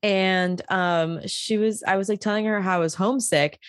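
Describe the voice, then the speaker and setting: Brief: young woman, 20, casual podcast co-host, rambly and chatty, mid-pitched, no room sound. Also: fairly even intonation, moderate pace, no room sound, clean studio sound. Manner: chatty, heavy use of "like" and "um". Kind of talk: casual chat.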